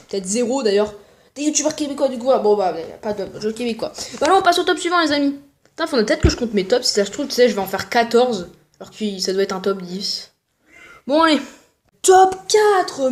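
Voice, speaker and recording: A woman's voice: fairly high pitch, darkish tone, slight background noise. A young woman YouTuber giving casual, mocking commentary on other channels, joking and plugging her own videos. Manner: mocking, jokey, self-promoting.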